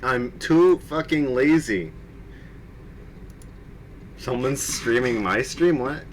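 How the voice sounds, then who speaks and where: A man's voice: medium pitch, animated, slow pace, a little hiss or hum, poor audio. A man reading fan fiction aloud on a live stream, with mocking asides, frequent laughter and swearing. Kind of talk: casual comedic dramatic reading.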